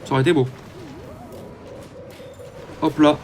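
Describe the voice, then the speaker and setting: A man with a slightly higher voice talks his way through a mobile strategy game, chatty and hesitant, filling pauses as he thinks aloud. Faint noise sits behind his voice. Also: fairly even intonation, darkish tone. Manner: chatty, hesitant, many "euh" fillers. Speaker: gaming YouTuber. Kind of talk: casual gameplay commentary.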